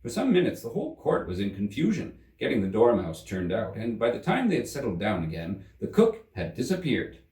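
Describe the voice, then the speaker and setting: Male storybook narrator: highly animated, expressive scripted read, middle pitch, echoey room. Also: brisk, hardly any pauses. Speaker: storybook reader. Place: room in a museum. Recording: roomy, slightly distant microphone.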